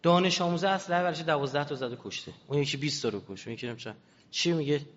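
A man's voice: a little high, fairly bright tone. Man lecturing emphatically in a reverberant hall. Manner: emphatic, full of rhetorical questions. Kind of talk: lecture to an audience. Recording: reverberant hall, dull lo-fi sound.

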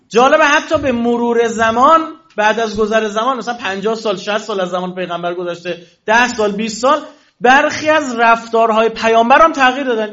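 A man's voice: extremely high pitch, a bit bright. A man giving a religious lecture to an audience, asking questions and answering them himself. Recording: dull lo-fi recording.

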